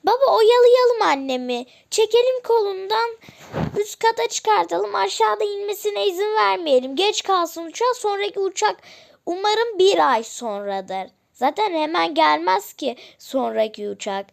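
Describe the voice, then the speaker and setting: A woman voicing a daughter who pleads with her mother not to leave, talking fast and exasperated in a family role-play. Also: very high voice, animated, gravelly, heavily acted. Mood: pleading.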